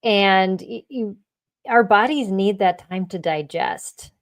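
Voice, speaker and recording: A woman's voice: mid-range voice, lively intonation, slow pace. A middle-aged woman hosting an interview in casual chat, often repeating words as she thinks. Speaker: podcast host.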